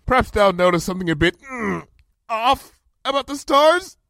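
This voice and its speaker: A man acts out an imperious princess of the night, a storybook pony with a theatrical streak. The voice sits very high and swings dramatically. Her speech is archaic and regal, delivered grandly in a dry, close recording. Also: sing-song, moderate pace, bright, forceful tone, no room sound, exaggerated voice. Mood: strained joviality. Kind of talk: dramatic audiobook character voice.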